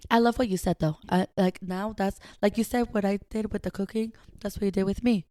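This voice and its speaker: A woman's voice: mid-range voice, fairly even intonation, a little fast, dark tone. A woman co-hosting a casual podcast chat with a sore, dry throat, dropping Spanish words into her talk. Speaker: podcast co-host.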